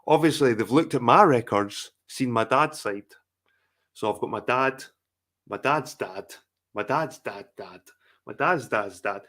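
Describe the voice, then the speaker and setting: A middle-aged English livestream host rambles through a profane rant in casual chat, repeating himself often. His medium-pitched voice has a fairly bright tone and a measured pace.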